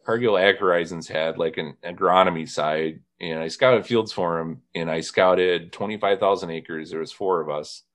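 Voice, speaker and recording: A man's voice: low-pitched, normal speed, hardly any pauses. A man from northern Indiana hosting a casual chat, telling funny stories and quoting people as he goes. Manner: storytelling, quoting others with laughs. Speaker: podcast host.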